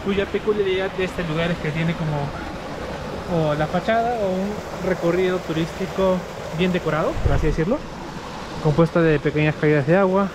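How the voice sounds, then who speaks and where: Male travel vlogger, slightly high voice, rambling and filler-heavy, noisy outdoor recording. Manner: chatty, loose, with many fillers like "este" and "eh". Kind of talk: casual travel vlog commentary. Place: outdoors and on the road while traveling.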